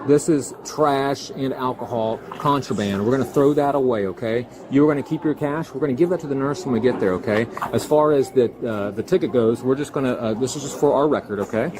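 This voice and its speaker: A male police officer calmly and haltingly explaining procedure during an arrest, recorded on a body camera. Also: medium pitch. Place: busy airport terminal. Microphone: body-worn camera. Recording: noisy crowded bodycam audio.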